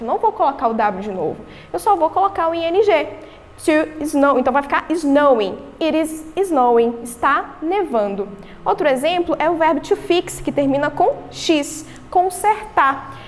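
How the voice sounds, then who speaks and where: A woman's voice: high-pitched, in a large hall. A woman with a Brazilian Portuguese accent, an English teacher giving a recorded remote lesson, explaining step by step and answering her own questions.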